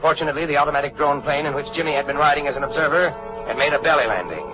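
This 1940s radio drama is narrated by a man with a fairly high pitch and a rapid-fire delivery, in a dramatic announcer manner. It sounds like an old broadcast, captured in a dull, lo-fi vintage recording with loud music behind him.

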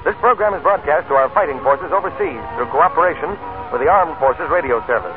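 A man working as a radio announcer, reading scripted promotions and credits in a brisk, upbeat way, heard through an old radio show broadcast. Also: a little high, expressive. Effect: old radio show broadcast sound. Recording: tinny 1940s radio broadcast with music.

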